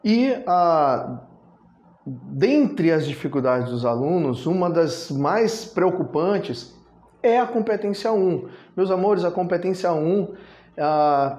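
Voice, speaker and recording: A man's voice: high voice, darkish tone, roomy sound. A Brazilian man teaching a grammar lesson, affectionately calling his students "my loves" and drawing out filler sounds. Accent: Brazilian Portuguese.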